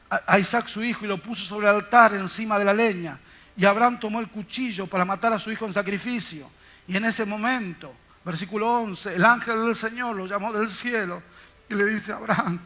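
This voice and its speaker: A man's voice: high voice, bright, forceful tone. An older man, a pastor, preaching a sermon to his congregation in an emphatic, repetitive way. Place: church service.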